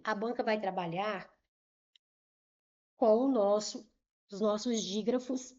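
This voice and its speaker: Slow-talking Brazilian teacher woman. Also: medium pitch, a little mellow, highs cut off. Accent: Brazilian Portuguese. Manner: slow, repeats words aloud to show pronunciation, checks in with "tá?" and "ok?". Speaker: Portuguese teacher for civil service exams. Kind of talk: explaining grammar at a whiteboard.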